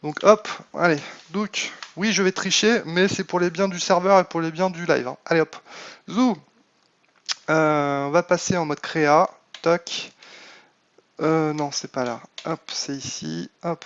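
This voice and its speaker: A man's voice: on the high side, steady tone, a little slow, a bit bright, dull audio. A man casually commenting on his live game stream, thinking aloud with many fillers and answering chat. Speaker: Minecraft modpack streamer.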